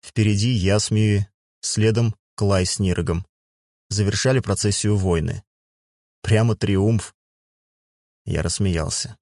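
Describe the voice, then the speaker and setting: A man narrating a first-person fantasy audiobook in a measured, even storytelling manner. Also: lowish voice, no echo, studio quality.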